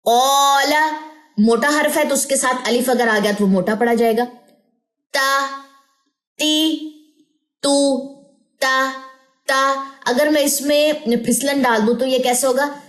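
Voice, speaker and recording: A woman teaching a Quran recitation lesson, explaining patiently and drawing out letter sounds slowly in drills. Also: on the high side. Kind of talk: slow tajweed lesson with drawn-out recitation drills.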